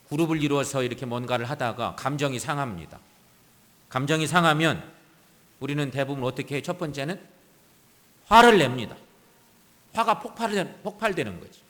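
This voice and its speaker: Lively preaching man in an echoey church. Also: medium pitch. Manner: preaching with strong swings between loud emphasis and soft asides. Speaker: pastor. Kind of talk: sermon. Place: church sanctuary.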